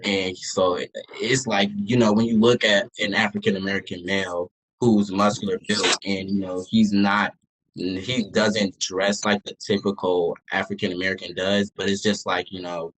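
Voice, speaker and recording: A young man speaks in a low voice, sharing a personal account in casual group talk. His R's are mispronounced, sounding like W's. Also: level tone, normal speed, a bit bright, slight background noise, poor audio. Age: young adult. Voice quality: can't pronounce R, says w for r.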